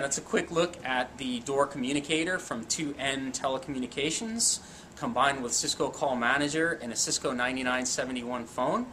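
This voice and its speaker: With a medium-pitched, fairly bright voice, a man in his forties casually demonstrates a technical product and keeps his explanations simple. He's recording in an indoor equipment lab or demo room where background noise is clearly heard.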